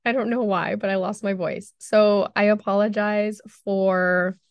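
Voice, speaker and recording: Woman host, hoarse voice, casual and chatty, dry close sound, mid pitch. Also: steady tone, a little slow, no room sound, lo-fi sound. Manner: chatty and upbeat, with fillers like "um" and "like". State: hoarse, recovering from lost voice. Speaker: podcast host and health coach. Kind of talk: casual solo podcast talk.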